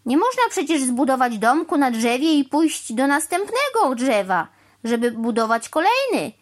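A shrill, fussy male crow, put on by a woman reading a children's story, lecturing in a high voice that leaps up and down. He spells things out slowly, word by word, sure that he alone knows the proper way of things. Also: very animated. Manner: lecturing, slow and overly clear.

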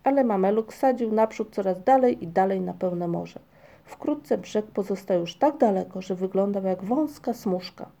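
Dark, gravelly woman reading a story. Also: medium pitch. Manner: measured storytelling. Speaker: audiobook narrator. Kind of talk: scripted narration.

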